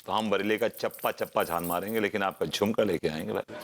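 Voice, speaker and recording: An actor playing a flirtatious, smooth-talking neighbour who speaks in showy, poetic flourishes. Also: male voice, lowish voice, fast talker, noisy background, natural voice. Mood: flirty.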